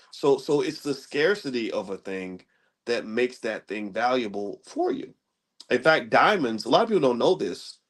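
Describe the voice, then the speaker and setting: A middle-aged man, casually explaining money ideas in a rambling style and often checking in with "right?". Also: mid-range voice. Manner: conversational, rambling with restarts, asks listeners "right?". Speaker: commentator on economics. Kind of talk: casual lecture-style talk.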